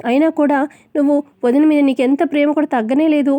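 A woman's voice: high-pitched, fairly even intonation, fast, no echo, close to an everyday voice. A woman doing a caring young sister-in-law. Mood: concerned. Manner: gentle questioning.

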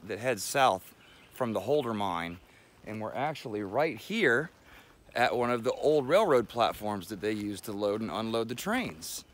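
A man's voice: mid-range voice, a bit bright. A man hosting a hiking vlog, talking in a folksy way to his viewers as friends and walking an overgrown trail, a little out of breath. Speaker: outdoor vlogger host. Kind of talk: casual vlog while hiking.

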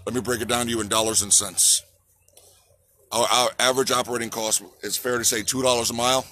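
Recorded on a phone held at arm's length with slight background noise, a man in his forties, a trucker activist, speaks quickly in a mid-range, steady, sharp-toned voice. He gives an impassioned protest speech outdoors on a city sidewalk by a park, repeating slogans and calling on the crowd to answer back.

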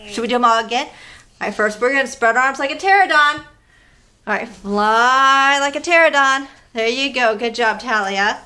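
A young woman reads picture books and leads movement games for small children. Her voice sits high and sounds bright and clear. She speaks in a sing-song, encouraging way, as if talking straight to a child. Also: moderate pace. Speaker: children's story time host. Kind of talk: leading a kids' movement activity and reading aloud.

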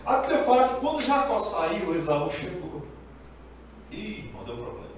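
Pastor, animated storyteller, high and expressive voice, echoey church from a distance. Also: male voice, moderate pace. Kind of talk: sermon. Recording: echoey room, speaker far from mic, faint background noise.

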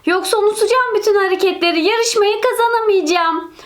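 A woman's voice: very high voice, fairly quick. A woman voicing a cheerful, bossy big-sister girl who loves ballet. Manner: chatty, self-satisfied. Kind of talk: toy role-play voicing.

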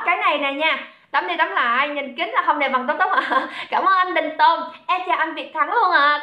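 A woman's voice: extremely high pitch, pushed and bright, roomy sound. A woman running a live-stream sale, chatty and calling out viewers by name. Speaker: livestream seller. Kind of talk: live-stream sales chat.

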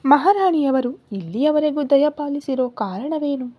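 A woman's voice: sits high, expressive, a little slow, lo-fi sound. A woman voicing a proud young husband in a spoken story, with a sarcastic, mocking manner.

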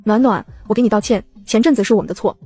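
A woman's voice: medium pitch, rapid-fire, mellow, husky, lightly acted. A woman voicing a young man who defends his adopted sister and pleads for her. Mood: pleading. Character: young man, protective lovesick brother.

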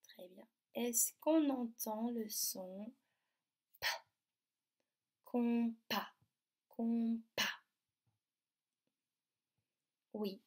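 A woman, teaching young children from her computer at home and slowly sounding out letters and words. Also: mid-range voice, warm tone. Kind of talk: remote lesson for young children. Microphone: computer mic.

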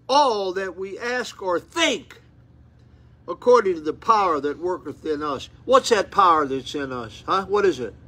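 Fervent eighty-something preacher, high husky voice. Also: male voice, bright, forceful tone. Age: 80s. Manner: fervent, rising to exclamations, repeats words and restarts. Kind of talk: seated sermon, reading and expounding scripture. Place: small indoor room with curtains, seated. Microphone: phone camera at close range.

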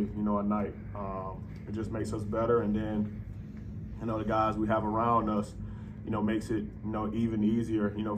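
A professional basketball player in his twenties answers reporters at a postgame press conference in an arena press room, speaking loosely into a table mic on a stand. He sounds relaxed, leaning on lots of "you know" fillers, with a fairly low voice and background noise.

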